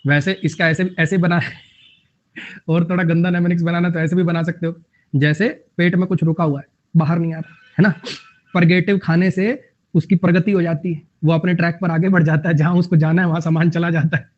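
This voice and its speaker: A man's voice: fairly high pitch, little pitch movement, normal speed. A young man teaching a vocabulary lesson, repeating phrases and making up jokey memory tricks. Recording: dull lo-fi audio.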